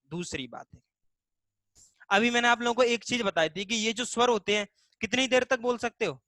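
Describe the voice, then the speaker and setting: The speaker is a man with a high, bright, pushed voice and no room sound, leading a live online Hindi lesson. He walks through explanations step by step, poses students' questions himself, and elongates vowel sounds to show them.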